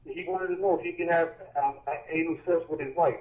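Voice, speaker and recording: A man's voice: a little high, steady tone. Hesitant male caller on a muffled line. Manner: hesitant, halting. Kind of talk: call-in radio talk.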